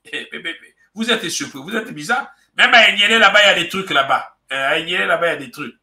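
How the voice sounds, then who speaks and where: A man's voice: sits high, quick pace, roomy sound. A man hosting a morning show, chatting casually and teasing listeners while mixing in local words. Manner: animated, teasing, mixes French with local words. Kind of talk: casual radio chat.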